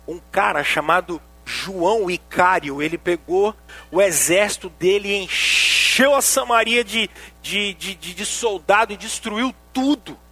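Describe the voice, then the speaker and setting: High-voiced Brazilian pastor preaching. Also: male voice, measured pace. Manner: animated and joking, addresses the congregation directly. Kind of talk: sermon.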